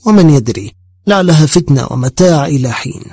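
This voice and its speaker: A composed noble who answers every taunt with a cool, cutting reply, read by a man narrating an audiobook. The voice is mellow and slightly high, and the lines come without heat. The close recording is dry. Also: lively intonation, fast talker, husky, no room sound. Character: calm, sharp-tongued male noble, unflappable.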